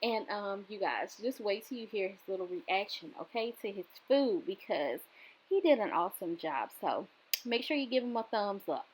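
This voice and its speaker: A woman's voice: medium pitch, lively intonation, normal speed, husky, low-quality recording. A young woman chatting casually to her viewers in a home kitchen vlog, talking them through the cooking with lots of fillers. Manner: chatty, filler-heavy, addresses viewers directly. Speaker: vlogger.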